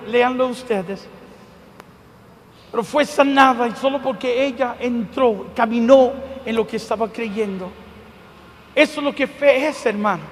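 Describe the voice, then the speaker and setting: A man's voice: extremely high pitch, a bit bright. A man preaching a sermon, telling a testimony with emphatic delivery and repeated calls of "my dear brother". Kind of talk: storytelling sermon. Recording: long reverb of a large hall.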